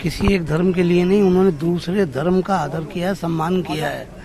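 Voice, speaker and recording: A man's voice: high-pitched, fairly even intonation, normal speed. A man answering a street interview emphatically, pressing his points with growing force. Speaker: interviewee at a procession. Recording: loud crowd behind.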